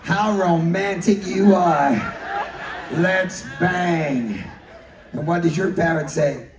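Scottish man, cruise game host, teasing, higher voice, noisy crowd, roomy hall. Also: slow pace. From Scotland. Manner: animated and teasing, laughing and shouting punchlines. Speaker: cruise director hosting a couples' game show. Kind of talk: live game show hosting. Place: cruise ship theater with a live audience. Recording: echoey hall, distant mic, crowd noise.

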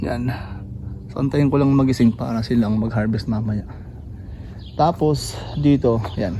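Gravelly-voiced man touring his garden. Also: medium pitch, unhurried, background noise. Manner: relaxed, pointing things out with many fillers. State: slightly out of breath after jogging. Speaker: gardening vlogger. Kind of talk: casual walk-through garden tour. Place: outdoor backyard vegetable garden.

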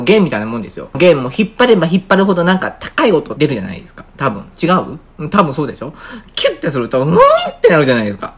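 A woman's voice: lowish voice, breathy edge. A woman vlogger chatting casually to camera, playful and laughing often as she talks.

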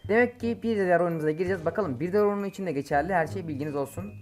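Excitable young man shouting over gameplay. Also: high-pitched, faint music behind. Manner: excitable, quick to curse and shout at teammates. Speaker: mobile game streamer. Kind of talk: live gameplay commentary. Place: home, playing on an emulator.

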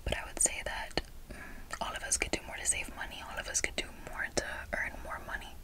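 In this ASMR video, a young woman with a Miami accent, from Miami in the United States, whispers slowly and deliberately, repeating phrases. She records indoors in her bedroom, close to a fur-covered desk microphone.

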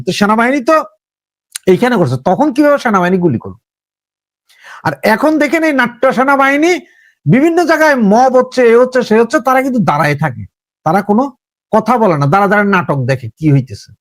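A man's voice: extremely high pitch, no echo. A man with a Bangladeshi Bengali accent giving casual political commentary, talking straight to the listener and asking rhetorical questions. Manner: conversational, addresses listener directly with rhetorical questions.

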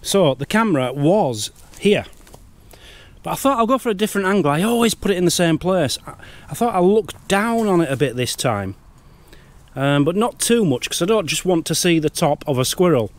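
A middle-aged man narrating a wildlife camera vlog outdoors in a wood, in a chatty, easily excited way. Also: high-pitched, normal speed. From United Kingdom. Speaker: wildlife vlogger. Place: woodland outdoors.

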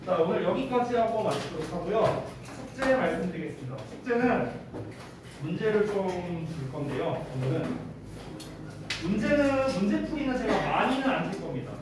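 In a noisy, echoey classroom with crowd noise and a distant mic, a man with a high, animated voice teaches English grammar. He speaks emphatically and keeps firing quick questions to check that his students are following.

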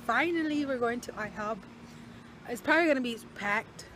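A woman's voice: a little high, lively intonation, moderate pace, a bit bright. A young woman vlogging casually and playfully, switching between English and Spanish. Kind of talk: casual vlog chat. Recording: noisy phone vlog audio.

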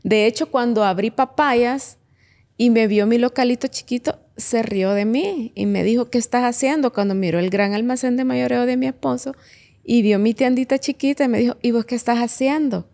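A woman's voice: fairly high pitch, normal speed, creaky, darkish tone. A woman, a podcast guest and businesswoman, earnestly telling her own story and giving advice. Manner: earnest, reflective, gives advice to listeners. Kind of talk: heartfelt personal testimony.

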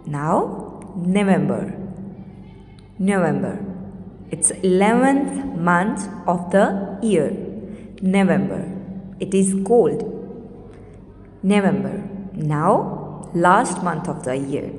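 Slow sing-song woman teacher in echoey reverb. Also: on the low side, animated, darkish tone. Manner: repeats and spells words slowly for pupils to echo. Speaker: teacher for young children. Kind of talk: children's lesson with sing-song rote recitation. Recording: echoey room with long reverb.

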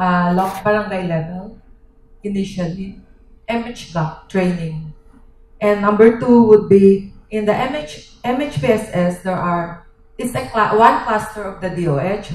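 A woman with a Filipino accent speaking at a workshop discussion into a handheld microphone, listing points with frequent pauses. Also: medium pitch, a little hiss or hum. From Philippines. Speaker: workshop participant. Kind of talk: question and answer discussion. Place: hotel conference room. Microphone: handheld microphone through room speakers. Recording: echoey hall from far off.

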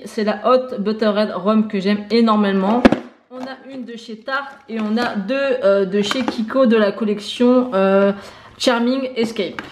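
Casting note: fairly high-voiced woman, chatty beauty vlogger, lots of "euh", echoey home room with faint noise. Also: a little mellow. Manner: chatty, many fillers, lists items one by one. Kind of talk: casual makeup collection tour.

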